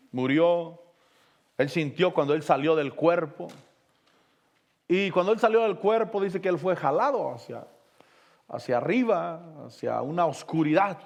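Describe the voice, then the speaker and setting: A male pastor preaching a sermon, retelling testimonies with passion. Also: high voice. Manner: impassioned preaching with retold testimonies.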